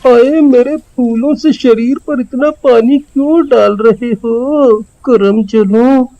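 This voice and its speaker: A man voicing a drunk, possessed village man in a cartoon, high and sing-song with a whiny drawl. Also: slow, dark tone, dull audio, full character voice.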